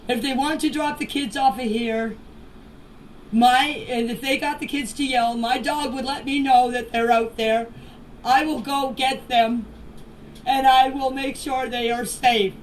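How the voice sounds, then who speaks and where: Unhurried and steady in tone, a woman's high-pitched voice delivers an off-the-cuff personal statement via voice messages. She's plainspoken and emphatic, using repetition for stress, and the noisy recording has her distant from the mic.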